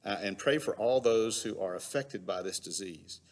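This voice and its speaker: A man speaking as a pastor, giving a measured, halting update to his congregation with deliberate phrasing, his voice carrying a hallway echo in a large empty sanctuary. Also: lowish voice.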